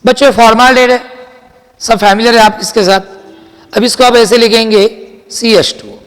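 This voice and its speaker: A man teaching chemistry in a classroom lecture, mixing Hindi and English, asking and answering his own questions and repeating key sentences slowly for dictation. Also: very high voice, steady tone, a bit bright, big-room sound. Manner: addresses students as children, asks and answers his own questions.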